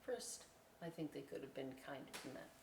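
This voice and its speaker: Her pitch is extremely low, yet her intonation is lively as she reads a bit fast in a slightly mellow voice at a library story time. Casual and playful, she chats with the children and keeps asking "right?", while a distant mic captures an echoey room and faint noise.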